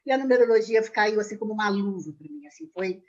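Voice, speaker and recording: Retired numerologist guest in her sixties, rapid and emphatic, muffled lo-fi video-call sound. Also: mid-range voice. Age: 60s. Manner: animated storyteller, quick and emphatic. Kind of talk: casual chat on a video call.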